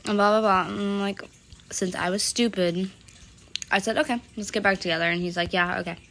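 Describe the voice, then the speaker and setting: Bright-voiced young woman rambling through a story. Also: medium pitch, steady tone, a little fast, slight background noise. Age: young adult. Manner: rambling, valley-girl fillers, quotes others loosely. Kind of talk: casual storytime narration.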